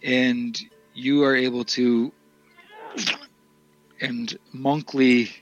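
A man's voice: medium pitch, little pitch movement, drawn-out words, lo-fi sound, soft background music. Game master guy calling rolls, plain mid voice. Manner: explaining rules plainly. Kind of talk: running a tabletop game.

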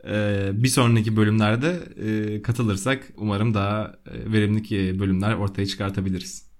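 A man's voice: fairly low pitch, flat delivery, moderate pace, darkish tone. A man in his twenties chatting casually as a guest on a podcast. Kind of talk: casual chat.

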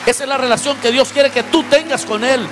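High-voiced preacher in a reverberant hall. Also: male voice, fairly quick, background noise. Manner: emphatic, asks the congregation questions. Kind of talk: sermon. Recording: long hall reverb with faint music.

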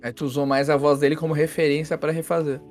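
Apresentador de podcast rápido. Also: male voice, fairly high pitch, little pitch movement, darkish tone, faint music behind. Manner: fast, prompting follow-up questions. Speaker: podcast host. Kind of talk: casual interview questions.

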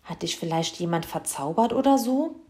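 A woman's voice: on the low side, lively intonation, moderate pace, mellow, close to an everyday voice. A woman voicing an earnest young boy in a children's story. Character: young boy, brave but sad.

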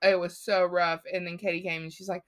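A woman's voice: lowish voice, level tone, fairly quick, a bit bright. A young woman co-hosting a podcast, chatting casually and laughing as she rambles through a story. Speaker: podcast co-host. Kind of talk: casual chat.

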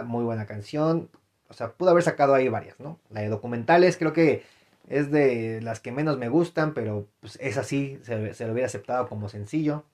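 A young adult man with a Mexican accent talks casually to his podcast listeners. His voice sits at a middle pitch. He rambles, restarts his sentences and drops in slang and fillers as he thinks aloud. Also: darkish tone. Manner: rambling, frequent fillers and self-corrections, slangy. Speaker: podcast host. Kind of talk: casual solo podcast commentary.

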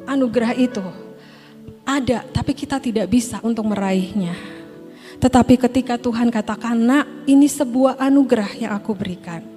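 High-voiced woman preaching in reverberant hall. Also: moderate pace, mellow. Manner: conversational preaching, often addressing listeners as brothers and sisters. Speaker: pastor. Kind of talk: sermon. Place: church hall. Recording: long hall reverb, music behind.

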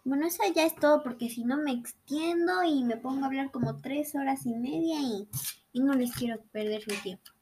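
High-voiced sarcastic Mexican woman. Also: normal speed, darkish tone, a little hiss or hum. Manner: sarcastic, rambling, playful. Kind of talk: casual comedic explainer monologue.

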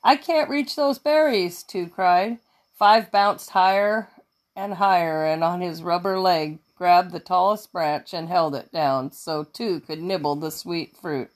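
Woman, storybook reader, slow pace, expressive, gentle self-corrections. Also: on the low side. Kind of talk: reading a picture book aloud.

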